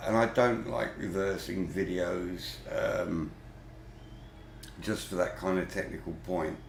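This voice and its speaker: Gravelly, slow-talking man with roomy echo. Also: deep voice, fairly even intonation, slight background noise. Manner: chatty, grumbling, mildly swearing. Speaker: vlogger. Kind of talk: casual running commentary while gaming.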